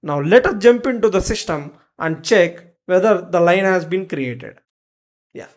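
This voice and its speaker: This tutorial narrator, expressive and measured in pace with a medium pitch, delivers software instructions one step at a time in terse commands.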